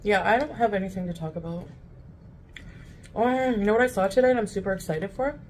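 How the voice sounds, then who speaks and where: Young female food vlogger, mid-pitched, chatting casually with mouth full and chewing as she talks; faintly noisy home recording. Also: brisk, darkish tone. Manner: chewing while talking, mouth often full. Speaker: mukbang vlogger. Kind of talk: casual chat while eating. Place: furnished living room, indoors. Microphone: camera at table distance.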